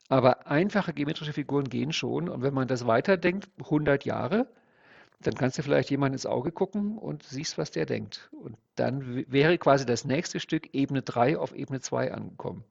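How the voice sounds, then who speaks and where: A man's voice: medium pitch, lively intonation, moderate pace, vocal fry. A man who works as an NLP trainer, explaining his ideas step by step in an interview. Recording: dull lo-fi sound.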